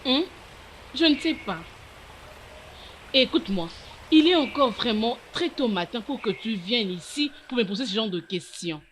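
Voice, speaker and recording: A woman's voice: fairly high pitch, animated, normal speed, pauses often, a little hiss or hum, natural voice. An actress playing a secretive young woman who hides that she is in love, speaking guardedly and evasively. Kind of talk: dubbed film acting.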